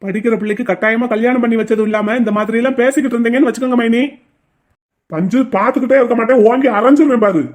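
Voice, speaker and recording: Lady doing a stern cartoon uncle, firm and protective, kinda high voice. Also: steady tone, rapid-fire, a little mellow, close to an everyday voice. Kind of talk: cartoon voice acting.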